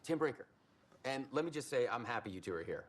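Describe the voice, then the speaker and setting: A man's voice: mid-range voice, animated, quick pace, close to an everyday voice. A man playing an affable, welcoming small-town sheriff in a video game. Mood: friendly. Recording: faint background ambience noise.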